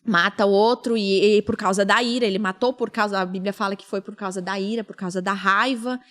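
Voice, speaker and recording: With a medium-pitched, somewhat bright voice and fairly even intonation, a woman in her thirties talks briskly on her casual podcast. She tells a personal tale with emotion and acts out what others said.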